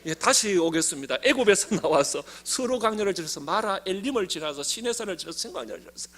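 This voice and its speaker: A man's voice: sits high, animated, fast talker, a bit bright. A middle-aged man with a Gyeongsang accent preaching a sermon, telling the story with animation and having the congregation repeat key phrases after him. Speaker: pastor.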